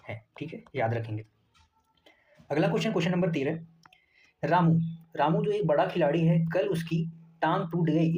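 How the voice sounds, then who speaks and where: A man's voice: a little high, mellow, muffled recording. A male teacher running an exam-prep grammar lesson, repeating each point and asking questions that he then answers himself. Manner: repetitive, quizzing the class and answering himself.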